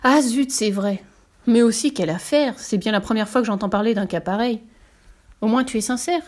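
A woman's voice: on the high side, normal speed, darkish tone, lightly acted. A woman voicing a startled, bewildered male priest who speaks hastily. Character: flustered middle-aged male priest.

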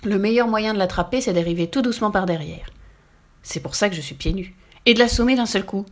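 A woman's voice: mid-range voice, fast, close to an everyday voice. A woman voicing a bossy, fierce little princess girl in a storybook reading, scolding and indignant.

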